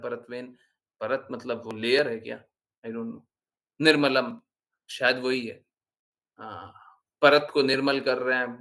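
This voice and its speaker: In a medium-pitched voice, a spiritual teacher delivers a casual devotional talk, scolding his listeners with lively energy and plenty of rhetorical questions.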